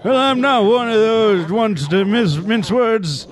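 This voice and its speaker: A man voicing a blunt, boastful old male village elder, speaking slowly in a raised old-man voice while reading game dialogue. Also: sits high, pitched above the performer's own voice.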